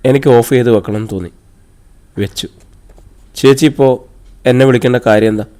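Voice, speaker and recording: A man's voice: mid-range voice, a little fast, mellow, natural voice. A man reading the part of a sulky young man who answers curtly and irritably. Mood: irritated. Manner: curt, irritated.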